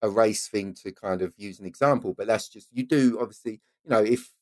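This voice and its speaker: An Essex-accented man with a lowish voice, recorded close and dry. He explains things in an interview as a football coach would, driving his main points home by repeating them. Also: a little fast, darkish tone, no room sound. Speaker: football talent scout and coach.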